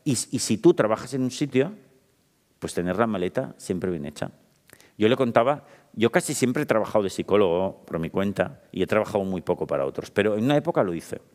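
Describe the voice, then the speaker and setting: A man from Spain, a psychologist giving a lively, informal public talk with frequent questions to the audience. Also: fairly low pitch, a little fast. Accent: Spain Spanish. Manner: informal, chatty, addresses the audience directly with frequent tag questions. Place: municipal event hall. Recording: reverberant hall.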